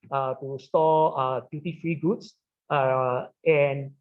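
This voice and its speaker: A middle-aged sommelier and wine retailer with a Singaporean English accent and a slightly high voice speaks on a webinar panel. His explanations are halting, packed with "uh" pauses and "right?" check-ins. The sound is dull and lo-fi, as on a video call.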